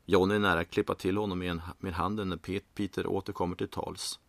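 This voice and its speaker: A man narrating a comic tale in a low, gravelly voice with a dry, matter-of-fact delivery. He is recorded close with almost no room sound. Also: little pitch movement, no room sound.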